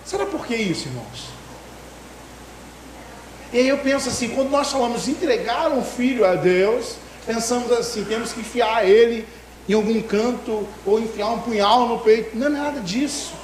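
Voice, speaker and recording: Male preacher, high-pitched, emotive delivery, echoey room with faint noise. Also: animated, normal speed. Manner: emotive, swings between loud and hushed. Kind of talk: sermon.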